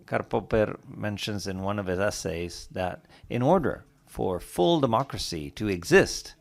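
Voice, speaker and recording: Young guy asking an academic question at a panel, deep-ish voice with fry. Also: lively intonation, unhurried. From Peru. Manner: earnest, academic. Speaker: audience member asking a question. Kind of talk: formal question from the floor.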